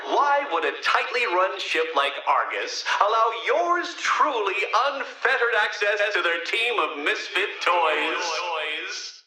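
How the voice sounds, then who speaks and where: An actor playing a smug, theatrical villain obsessed with riddles in a video game, taunting with condescending, showy enunciation. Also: male voice, sits high, very animated, slow, few pauses, sharp tone, heavily acted, poor audio.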